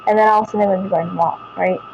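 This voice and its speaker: A woman's voice: medium pitch, fairly even intonation, very fast, creaky, darkish tone, lo-fi sound, slight background noise. A woman, vlogging casually to viewers, rambling, repeating herself and restarting sentences.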